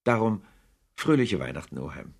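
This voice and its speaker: A man voicing an earnest, warm-hearted young man who pleads with his uncle in a storybook reading. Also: fairly low pitch, big pitch swings, normal speed, creaky, slightly rough, exaggerated voice.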